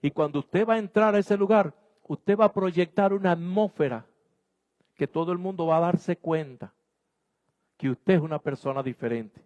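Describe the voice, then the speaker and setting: High-voiced man preaching with hall reverb. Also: moderate pace, a little mellow. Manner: emphatic, exhorting the congregation. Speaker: pastor. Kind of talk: sermon. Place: church.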